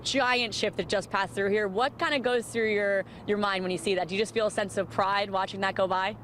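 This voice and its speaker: A woman's voice: medium pitch, steady tone, a little fast, fairly bright tone, slight background noise. A female TV news reporter, upbeat and friendly, reporting live and interviewing a guest. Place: outdoors at a riverside venue.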